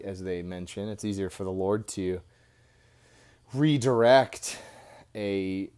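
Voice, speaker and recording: A man's voice: low voice, a little mellow. An American man, a podcast host, talks casually and off the cuff to his phone, using his headphones as a mic, rambling informally with many small asides. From Indiana, United States. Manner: informal, rambling with frequent "you know" asides. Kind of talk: casual off-the-cuff monologue to camera. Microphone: headphones used as mic with a phone.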